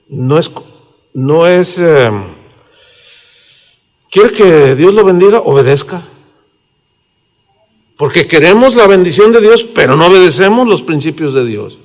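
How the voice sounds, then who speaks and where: High-voiced Mexican pastor in his sixties. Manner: conversational preaching with fillers and tag questions. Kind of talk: sermon. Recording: reverberant hall.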